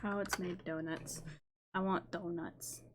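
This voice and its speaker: A woman's voice: on the low side, fairly even intonation, unhurried, noisy background. A woman streaming from home, chatting casually and swearing freely as she watches videos. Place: indoors at home.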